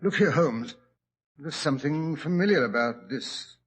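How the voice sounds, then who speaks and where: An actor playing a fussy, easily startled doctor sidekick in 1940s radio drama style, blustering and stammering. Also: male voice, a little high, expressive, a little slow, slightly rough. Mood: nervous.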